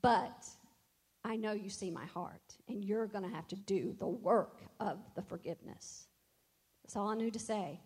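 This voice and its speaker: A woman's voice: medium pitch, unhurried, a little mellow, breathy edge. A middle-aged woman, a worship leader, telling a personal faith testimony in an earnest, reflective way and quoting scripture.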